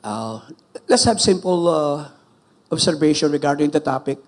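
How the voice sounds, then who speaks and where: Emphatic high-voiced Filipino pastor. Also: male voice, lively intonation, unhurried. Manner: switches between English and Filipino, emphatic and preacherly. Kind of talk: sermon.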